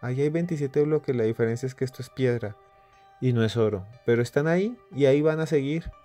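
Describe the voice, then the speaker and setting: Man voicing a wise neighbor, calm and lecturing, raised a bit in pitch, fable storytelling. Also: fast, faint music behind, close to an everyday voice. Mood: admonishing.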